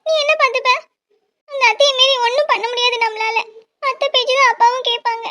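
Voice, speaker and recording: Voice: very high voice, fairly even intonation, brisk, bright, forceful tone. A performer voicing a young woman in a cartoon, a lovesick younger sister who pleads in distress. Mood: upset. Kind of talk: cartoon voice acting.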